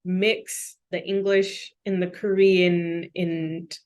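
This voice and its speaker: Slow-spoken thoughtful woman. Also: fairly low pitch, level tone, a little mellow. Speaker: guest. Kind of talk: casual podcast chat.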